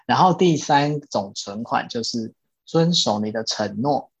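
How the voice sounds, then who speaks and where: A man's voice: mid-range voice, expressive, a little slow, husky, no echo. A man hosting a casual podcast chat, patiently explaining ideas from a self-help book and repeating his key points. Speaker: podcast host. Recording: dull lo-fi, dry.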